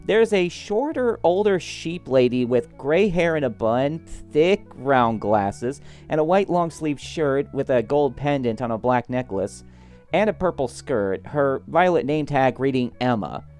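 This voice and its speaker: A man runs a tabletop session, narrating scenes and calling for rolls. His pitch moves a lot as he talks, casual and full of fillers. Soft guitar plays behind him. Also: expressive, a little slow. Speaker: game master.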